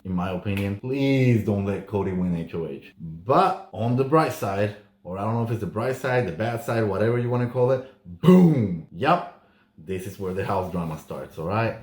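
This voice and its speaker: A man's voice: sits low, moderate pace, a little mellow. A man giving a casual, chatty recap commentary as a host, often exclaiming and acting out what others said. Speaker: reality show recap host. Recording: echoey room.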